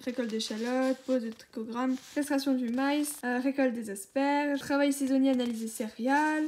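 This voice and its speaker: A woman's voice: high-pitched, steady tone, moderate pace, darkish tone. A young woman from France, a student talking casually and candidly about daily life. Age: young adult. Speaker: student looking for work. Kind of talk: casual, candid documentary talk. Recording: background noise, public bustle.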